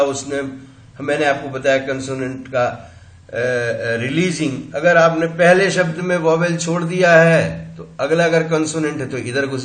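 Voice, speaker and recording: A man lecturing on English pronunciation, drawing out his examples slowly and switching between languages. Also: on the high side, a bit bright. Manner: slow, drawn-out examples, switching languages mid-sentence. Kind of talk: recorded English phonetics lecture. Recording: echoey room.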